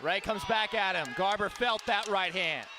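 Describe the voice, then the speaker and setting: High-voiced guy calling the fight, yells on the big moments, crowd going nuts behind. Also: moderate pace, background noise. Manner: excited, shouting at big moments. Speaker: play-by-play commentator. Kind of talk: fight commentary.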